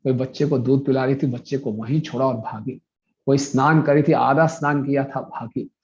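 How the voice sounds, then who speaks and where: A man's voice: medium pitch, fairly even intonation, normal speed, darkish tone, muffled recording, slight background noise. A male preacher telling a devotional story, acting out the characters' dialogue as he goes.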